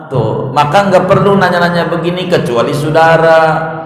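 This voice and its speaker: A man's voice: a little high, moderate pace. A male preacher giving a playful Islamic study sermon, quizzing the congregation and answering himself. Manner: playful, asks the congregation questions and answers them. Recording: echoey hall with long reverb.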